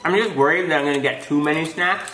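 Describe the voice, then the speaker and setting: A man's voice: fairly high pitch, fast talker, pushed and bright, a little hiss or hum. A young man hosting a casual snack-tasting chat, easygoing and chuckly. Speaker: host. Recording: echoey room.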